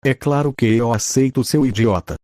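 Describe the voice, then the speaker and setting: A man's voice: mid-range voice, moderate pace, warm tone, no echo, clean studio sound, close to an everyday voice. A man voicing a flustered young woman, a girlfriend who teases fondly. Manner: flustered, teasing.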